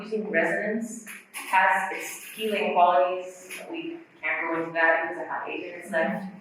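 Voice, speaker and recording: Woman vocal teacher, workshop talk with demonstrations, slightly low voice, heard from afar in a very reverberant hall. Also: fairly bright tone, slight background noise. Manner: explanatory, demonstrates breathy and glottal sounds. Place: conference hall. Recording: very echoey hall from far off.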